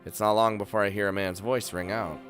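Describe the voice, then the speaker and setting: A man's voice: lowish voice, a little fast, faint music behind. Laughing man reading a game aloud. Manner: animated, laughs often, reacts loudly and jokes. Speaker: game streamer. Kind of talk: let's play, reading game text aloud with commentary.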